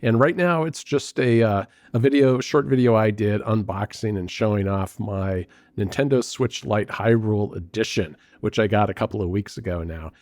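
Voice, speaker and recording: Low-voiced male podcast host, dry sound. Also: moderate pace, hardly any pauses, a little mellow, dry recording. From United States. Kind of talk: casual podcast chat.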